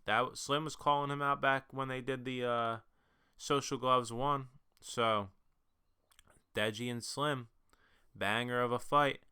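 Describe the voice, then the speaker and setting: A man's voice: medium pitch, fairly even intonation, measured pace, sharp tone, smooth. A young man giving casual spoken opinions, opening with hype-building and then chatting loosely with frequent fillers. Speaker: influencer boxing commentator.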